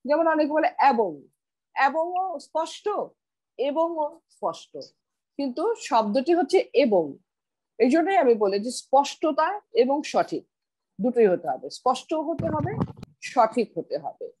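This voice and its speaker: A woman's voice: high-pitched, very animated, normal speed, darkish tone, slightly rough, no room sound. A middle-aged woman teaching pronunciation on a video call, patiently repeating words for her students. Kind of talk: online class, explaining pronunciation.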